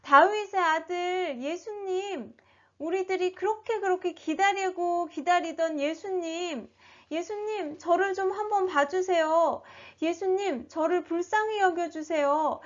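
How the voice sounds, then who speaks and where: A woman's voice: very high voice, unhurried, pitched above the performer's own voice. A woman voicing a blind male beggar who pleads and cries out desperately, in a storybook telling. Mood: pleading. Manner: crying out, begging. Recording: dull lo-fi recording.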